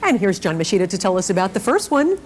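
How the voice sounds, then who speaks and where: A woman's voice: mid-range voice, sing-song, quick pace, slight background noise. A woman hosting a game show, talking to contestants and putting questions to them. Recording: studio crowd and music behind. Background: studio audience and music.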